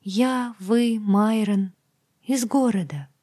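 A woman reader voicing a frightened, tearful young woman servant who pleads in a high, strained voice. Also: takes it slowly, warm tone. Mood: anxious. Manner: pleading, breathless and high-strung.

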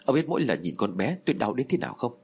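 A man's voice: medium pitch, very animated, very fast, darkish tone, breathy edge. A man voicing a grieving, frantic older mother who cries and blames her husband. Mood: distraught. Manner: tearful, accusing outbursts.

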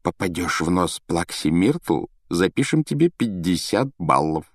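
A man's voice: mid-range voice, sing-song, a little fast, dry recording, clean studio sound, pitched above the performer's own voice. A man voicing an ironic, skeptical schoolboy who makes offhand, mocking remarks in an audiobook reading.

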